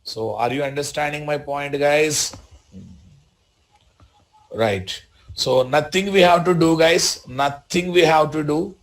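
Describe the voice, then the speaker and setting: A man with a Telugu Indian accent teaches a live software tutorial as an instructor, repeating short phrases and often checking that learners follow. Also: a little high, slow pace, long pauses, rough recording. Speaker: programming instructor.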